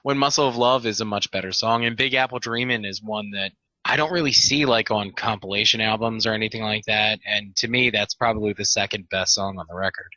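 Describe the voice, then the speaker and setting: Fairly quick and sharp-toned, this man's voice sits on the low side as he co-hosts a laid-back podcast reviewing albums. He goes along agreeably while guiding the talk through questions. It's recorded dry on a dull, lo-fi microphone.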